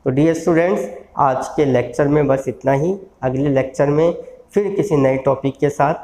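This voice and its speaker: A man giving a recorded lecture, slowly stretching out word sounds and encouraging his students. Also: a little high, warm tone. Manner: slow, drawn-out sounding of syllables, encouraging. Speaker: law college lecturer. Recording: echoey room.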